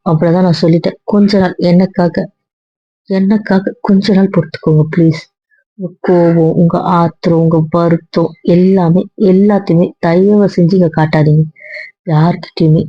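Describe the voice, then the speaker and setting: A woman's voice: lowish voice, breathy edge, no room sound. Woman as a stubborn young wife, earnest pleading, dull lo-fi audio drama. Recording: dull dry lo-fi sound.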